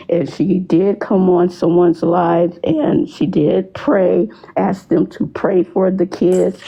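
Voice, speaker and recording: Give me a raspy woman on a muffled phone line, sounding as if through a wall. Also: on the low side. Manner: talking quietly so as not to be loud at work. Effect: muffled phone audio, as if through a wall. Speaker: caller on a live stream. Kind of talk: casual chat on a live stream. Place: at her workplace. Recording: dull, muffled phone audio.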